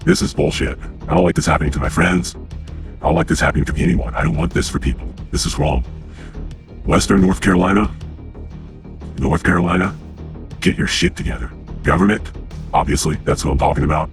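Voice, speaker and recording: Very deep gravelly man ranting angrily. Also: brisk, pauses often, over music. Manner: angry, profane, keeps addressing viewers as guys. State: out of breath. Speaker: channel host. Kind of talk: ranting commentary to camera.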